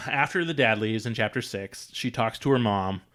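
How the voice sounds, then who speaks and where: A man's voice: lowish voice, moderate pace, fairly bright tone. A man co-hosting a casual podcast chat, swearing freely and retelling scenes with jokes. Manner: profane, jokey, retells scenes. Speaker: podcast co-host. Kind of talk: casual chat about a book series.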